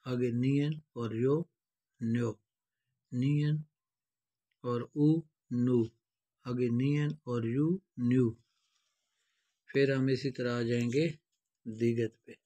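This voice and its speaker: A man's voice: medium pitch, a little mellow, dry recording. A man with a Pakistani accent teaching a language lesson, patiently repeating each step. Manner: patient, repetitive step-by-step explaining. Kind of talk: explanatory lesson.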